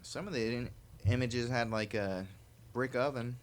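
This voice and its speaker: A man's voice: medium pitch, measured pace, clear, resonant tone. A man co-hosting a live podcast in loose, casual chat, rambling and joking as he reads things aloud. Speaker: podcast co-host. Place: live-streamed podcast at home.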